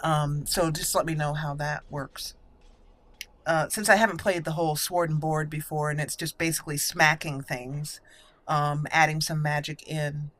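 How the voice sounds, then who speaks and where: A woman with a deep, slightly bright voice hosts a let's play. She gives relaxed commentary, reasoning aloud about her in-game choices.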